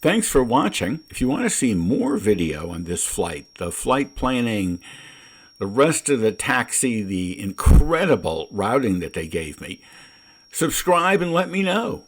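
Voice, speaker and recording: Lively, husky male pilot narrating. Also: mid-range voice, measured pace, rough recording. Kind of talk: casual video narration.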